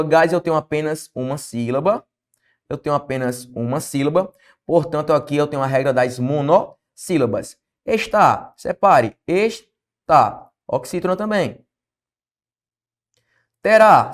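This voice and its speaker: A Brazilian man teaching an online exam-prep grammar lesson, talking lively and answering his own questions as he goes. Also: a little high. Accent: Brazilian Portuguese.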